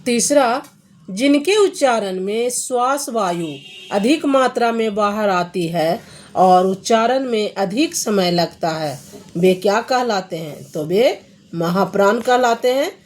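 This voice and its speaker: Slow, patient woman teaching Hindi grammar. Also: medium pitch, expressive, a little mellow. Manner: slow, patient, reads each question then explains the answer. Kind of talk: explaining grammar answers to students.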